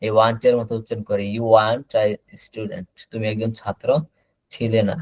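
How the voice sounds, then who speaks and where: A man teaching an online class, explaining slowly and repeating words over a video call. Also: on the low side, level tone, a little hiss or hum, low-quality recording. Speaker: English teacher.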